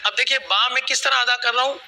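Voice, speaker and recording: A man's voice: very high-pitched, creaky, pushed and bright, a little hiss or hum, rough recording. A man teaching children to pronounce Arabic letters, patiently drilling each sound and having them repeat it after him. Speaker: Quran recitation teacher.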